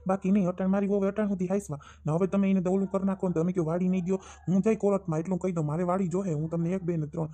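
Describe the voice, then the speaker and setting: An exasperated grown son, played by a man, argues back at his mother in a Kathiawadi Gujarati accent. He talks fast in a slightly raised but mellow voice, sarcastic and indignant, in a family comedy skit. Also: high voice. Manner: indignant, sarcastic, rapid arguing.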